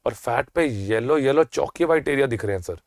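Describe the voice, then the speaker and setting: An energetic man with an Indian accent runs a quick-fire revision lecture at an even, mid-range pitch. He teases and quizzes his listeners, then drags key terms out slowly for emphasis. The sound is close and dry, with no room around it. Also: dry recording. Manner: quizzes the class and answers his own questions. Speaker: medical exam lecturer.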